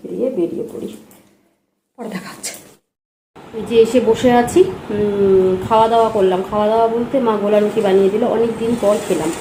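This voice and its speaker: A woman's voice: medium pitch, dark tone. A young woman talking casually to her viewers from her home as she goes about her day, chatty and homely, speaking straight to the audience. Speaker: home vlogger, young mother. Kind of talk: casual vlog narration. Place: at home, kitchen. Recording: echoey room with clear household noise.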